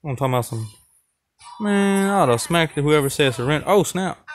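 A man's voice: a little high, animated, fast. A young man commentating his own gameplay in a casual, trash-talking way, with a playful, chatty delivery to viewers. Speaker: gaming channel host.

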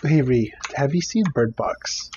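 A man's voice: medium pitch, measured pace, darkish tone, dull audio, a little hiss or hum. A man chatting casually with friends over voice chat while gaming, swearing freely. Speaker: gamer playing with friends.

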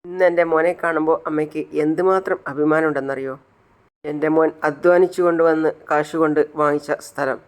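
A man's voice: fairly high pitch, fairly even intonation, fairly quick, smooth, close to an everyday voice. A man voicing a proud, long-suffering mother. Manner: emotional, proud, earnest. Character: long-suffering determined middle-aged mother.

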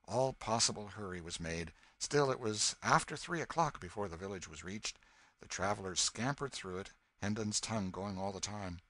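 A man reads a classic novel aloud in steady, measured audiobook narration. His voice sits low but has a forceful, sharp edge. The sound is close and dry, with no room around it. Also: no room sound.

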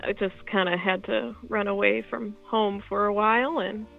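A woman in her twenties calling in to a show, speaking in a nervous, giggly, soft-spoken way over dull, lo-fi call audio. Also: mid-range voice, fairly even intonation, normal speed, creaky, faint music behind. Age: 20s. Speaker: caller. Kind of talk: phone-in conversation.

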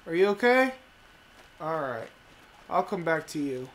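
A man's voice: on the high side, big pitch swings, measured pace, fairly bright tone, slight background noise. A man giving casual, sweary let's play commentary, muttering informally to himself as he plays. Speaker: gamer playing through an adventure game. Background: game music.

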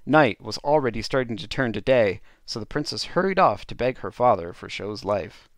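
A man's voice: medium pitch, animated, moderate pace, no echo, studio quality. A man narrating a dubbed storybook play as host, with playful, chuckling asides.

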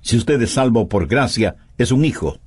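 Emphatic preacher man, lively pitch. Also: moderate pace, slightly rough. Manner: emphatic, with pointed rhetorical questions. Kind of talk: Spanish voice-over of a sermon.

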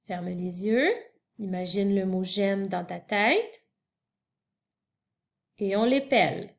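A woman's voice: medium pitch, slow, gravelly. A woman teacher giving a spelling lesson to young children, spelling words out letter by letter and talking directly to the child.

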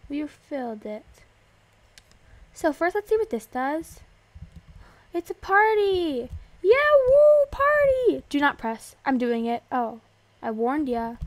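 High-voiced, excitable woman playing a game. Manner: excitable, gasping and squealing at surprises. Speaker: gaming video host. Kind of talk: casual game commentary.

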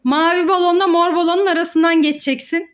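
Fairly quick and very high-pitched, a mother hosts a play challenge for children, giving sing-song, excited commentary that encourages and repeats words as she plays along.

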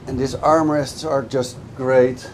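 A middle-aged boat dealer explains a boat eagerly in a mid-range voice, speaking slowly with fairly even intonation. He is giving a casual product-review walkthrough on a moving motorboat, talking over the engine, while loud engine and wind noise and the sound of water run under everything.

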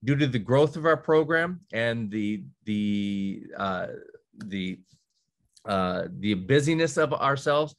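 A man with a fairly low, expressive voice takes his time speaking over a video call. He represents a college in a conversational virtual presentation for counselors, using many fillers and restarts, plus the occasional dry sarcastic aside.

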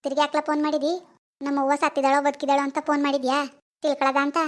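Woman voicing an angry cartoon mom, high voice, fast insults, keeps scolding. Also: little pitch movement, lightly acted. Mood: furious scolding. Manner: scolding, insulting, rapid-fire rebukes. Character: angry village mother, middle-aged, sharp-tongued and bitter. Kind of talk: cartoon voice acting.

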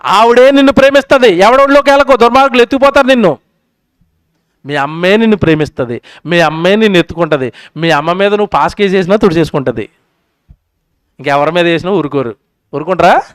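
A soft, fatherly God voice, put on by a male preacher, speaks low and tenderly to a newborn child. The voice is smooth and clear, and the sound is dry and close. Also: fast talker, pauses often, dry recording, lightly acted.

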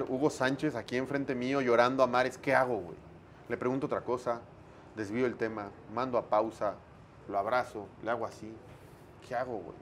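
Mexican man telling animated stories. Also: medium pitch, slight background noise. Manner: animated anecdote-telling, frequent slang, acts out dialogue. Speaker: sports broadcaster, interview guest. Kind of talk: casual storytelling interview.

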